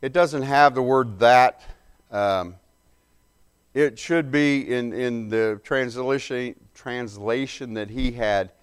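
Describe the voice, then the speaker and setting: A man preaching an earnest, emphatic sermon, pausing and correcting himself as he goes. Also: medium pitch, smooth.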